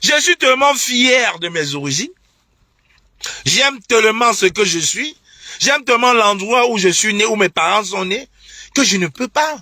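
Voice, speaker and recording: A man's voice: high-pitched, lively intonation, moderate pace, sharp tone, no room sound, clean studio sound. A young man from Cameroon, ranting on a live stream with indignant, repetitive, mocking talk and scornful laughs. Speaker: online political commentator. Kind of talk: heated live-stream rant.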